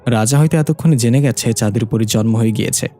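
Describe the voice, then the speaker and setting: A man's voice: medium pitch, fast, mellow, faint music behind, close to an everyday voice. A man voicing a stern, grieving father. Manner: stern, harsh.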